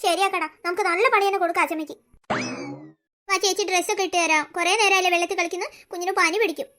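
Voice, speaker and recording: A voice actor doing a gentle cartoon big sister. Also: extremely high pitch, steady tone, racing. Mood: soothing. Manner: soothing, coaxing. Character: caring older sister girl, gentle and coaxing.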